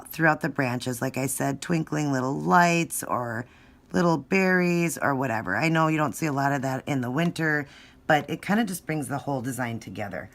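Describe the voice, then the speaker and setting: A woman with a very deep, creaky voice presents a nail art tutorial, walking through the craft step by step in an informal way and thinking aloud as she works. It's a noisy phone recording made at home.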